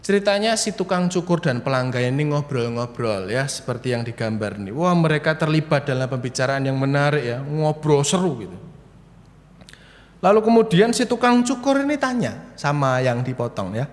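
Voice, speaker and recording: A young man preaches a sermon in a reverberant church hall, streamed to people at home, speaking at normal speed in a medium-pitched voice with big pitch swings. His delivery is chatty and full of stories as he addresses the congregation at home.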